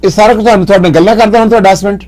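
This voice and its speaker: A radio host with a high, fairly even voice races through a call-in show, questioning the caller closely and slipping in English phrases. The background is noisy.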